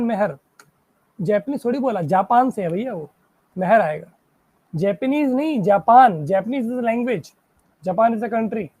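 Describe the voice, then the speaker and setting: A woman teaching a live online reasoning class. She keeps checking whether students follow and praises them, and she reads English questions out slowly before explaining them in Hindi. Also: fairly high pitch, warm tone, dry recording. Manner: checks in constantly, praising and asking if it is clear.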